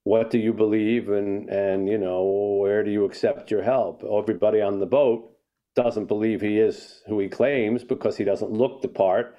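A man's voice: on the low side, fairly even intonation, moderate pace, lo-fi sound. An older man, an author guest in a conversational interview, telling a story and reflecting, often restarting his sentences.

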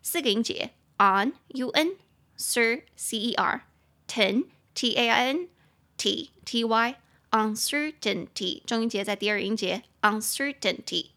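Brief: young woman teacher, slightly high voice, slow spelling, chatty playful asides. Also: lively intonation, bright, forceful tone. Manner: spells words out slowly, shifts between English and Mandarin. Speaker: English teacher and podcast host. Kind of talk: bilingual vocabulary lesson podcast.

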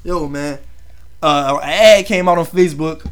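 A man co-hosting a casual chat among friends, telling stories with slang and animated asides. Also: on the high side, clean tone. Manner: fast, animated, storytelling with slang. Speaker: podcast co-host.

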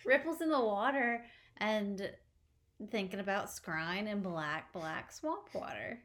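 A woman's voice: medium pitch, animated, takes it slowly, a bit bright. A woman from North Carolina, co-hosting a casual chat and chiming in with dry asides.

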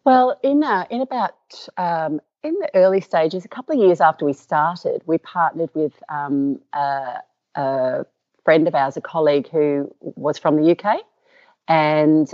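Low-voiced Australian woman, rambling. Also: warm tone, no echo. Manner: rambling with many fillers and restarts. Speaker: company co-founder. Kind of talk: interview guest, storytelling. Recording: dull lo-fi sound.

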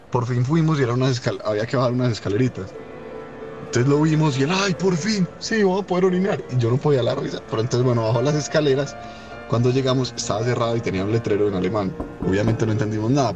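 A young man telling a funny anecdote in a rapid, rambling, amused way. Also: medium pitch, over music. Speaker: storyteller. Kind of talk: casual anecdote.

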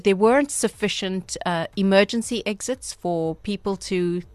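A woman with a Durban Indian South African accent speaking as a radio interview guest, earnest and measured, with formal, emphatic wording. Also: medium pitch, darkish tone, dry recording. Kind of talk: radio interview, reflective storytelling.

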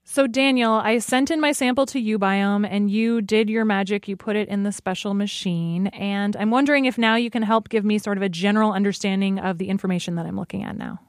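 An American woman hosting a podcast, chatting and interviewing in a casual, playful and expressive way. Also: medium pitch, fairly quick, few pauses, dry recording, studio quality. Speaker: podcast host.

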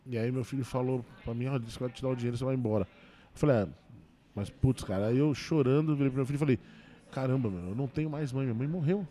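A man who works as a stand-up comedian, telling a personal story in a relaxed interview. He talks fast and with feeling, stumbling and restarting his sentences as he goes. His voice sits at an ordinary middle pitch for a man. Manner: fast, emotional retelling with many restarts.

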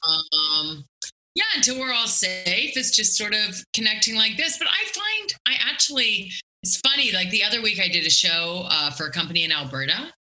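Bright, forceful middle-aged Canadian woman. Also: mid-range voice, moderate pace, poor audio. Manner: animated, self-deprecating, joking. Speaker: guest comedian. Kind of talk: casual interview chat.

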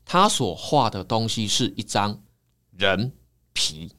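A man, a counseling psychologist telling a folk tale in a lively, dramatic way on a podcast. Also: on the low side, slow. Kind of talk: animated storytelling in a podcast.

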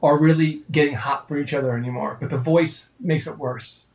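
A man's voice: a little high, steady tone, normal speed, a little mellow, lightly acted. A man playing a blunt, weary spouse in an improvised comedy sketch. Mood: exasperated.

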